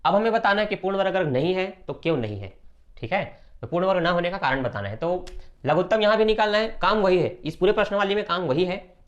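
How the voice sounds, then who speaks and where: A man teaching a math lesson step by step, brisk and repetitive, often checking that students follow. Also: high voice, animated, lo-fi sound.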